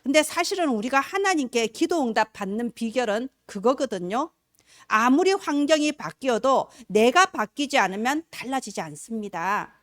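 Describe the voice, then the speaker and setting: A woman's voice: a little high, animated, normal speed, a bit bright, no room sound, studio quality. A woman preacher giving a Sunday sermon in a conversational, storytelling manner. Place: church service. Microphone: filmed on camera.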